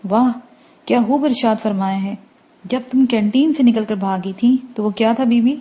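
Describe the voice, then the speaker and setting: A woman voicing an exasperated young man who pleads and argues, in a mellow, darkish tone. It is read as a storybook dialogue, with mild irritation throughout. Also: a little high, husky.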